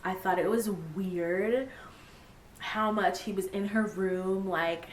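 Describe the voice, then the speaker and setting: A young woman talking casually about a book she read, gushing and animated, full of "like" and fillers. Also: takes it slowly. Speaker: book vlogger. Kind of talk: casual book review chat. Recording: echoey room, faint rumble.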